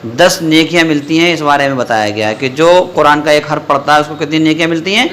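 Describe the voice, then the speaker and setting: Bright, high-voiced man teaching a class. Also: slight background noise. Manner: quizzes the class and repeats their answers; stretches out syllables slowly when demonstrating recitation. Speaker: Quran recitation teacher. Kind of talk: classroom lesson with call-and-response.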